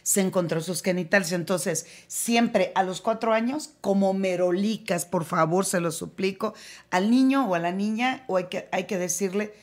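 A woman with a Mexican accent talks openly in a relaxed podcast conversation. She is frank and animated, with a mid-range voice, and she laughs easily between her points. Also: medium pitch, moderate pace. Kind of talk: casual podcast chat.

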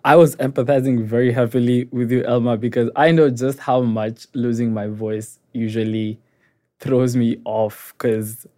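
A young man co-hosting a podcast in easy, casual talk. His voice is dark and mellow, and he adds playful, upbeat emcee flourishes. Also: mid-range voice, fairly even intonation, normal speed. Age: young adult. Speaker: podcast co-host.

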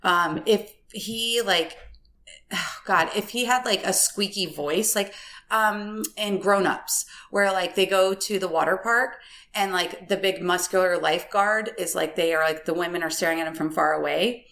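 A woman in her thirties co-hosts a podcast in a candid, rambling way, giggling as she goes and leaning on filler words. Her voice is bright and forward, with a slight edge to it. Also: fairly low pitch, measured pace. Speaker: podcast co-host. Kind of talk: casual chat.

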